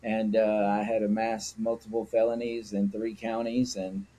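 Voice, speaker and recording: A man's voice: fairly low pitch, little pitch movement, moderate pace, mellow. A middle-aged man from Mississippi, a guest telling his story candidly and reflectively in an interview, with frequent fillers. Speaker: guest, sober living founder. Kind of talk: personal interview.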